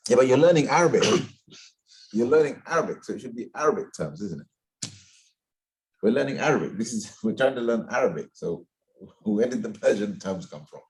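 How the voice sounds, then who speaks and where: A man whose first language is Bengali teaches Quran recitation in a live class, correcting his students patiently and modeling words slowly. His mid-range voice is a little mellow, with lively intonation.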